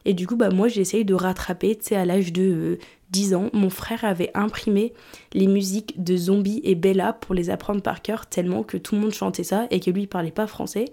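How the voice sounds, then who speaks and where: Mellow-voiced young woman switching French and English. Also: mid-range voice, steady tone, fairly quick. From England. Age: 20s. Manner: switches between French and English mid-sentence; candid, conversational. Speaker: vlogger. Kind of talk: personal monologue to camera.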